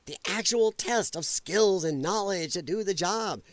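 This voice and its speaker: This is an opinionated news rant from a livestream host who reads an article aloud and peppers it with exasperated, sarcastic, profane remarks. His voice sits high, he talks a little slowly, and there is no echo.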